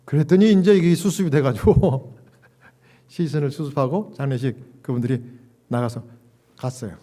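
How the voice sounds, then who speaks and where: A middle-aged male pastor telling a story in a sermon, animated, laughing and acting out quoted dialogue. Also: medium pitch, normal speed.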